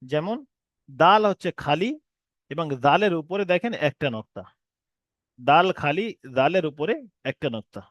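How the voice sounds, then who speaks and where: A man teaching an online reading class, who explains patiently and drags out each letter name slowly. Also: on the high side, expressive, no room sound, muffled recording. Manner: explains patiently, repeats letter names slowly with long drawn sounds. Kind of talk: recorded online class lesson.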